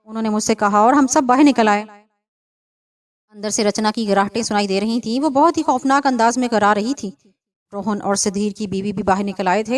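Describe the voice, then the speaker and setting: A woman reading a serialized horror novel aloud, carrying narration and dialogue alike in a steady storytelling manner. Her voice sits a little high. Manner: steady storytelling, reads all characters.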